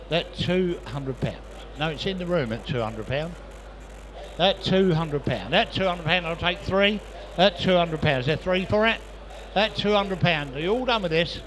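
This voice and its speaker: Male auctioneer calling bids, higher-pitched. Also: fairly bright tone, a little hiss or hum. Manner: repetitive patter of prices and bids. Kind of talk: live auction chant, rapid repeated bid calls. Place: busy auction sale room.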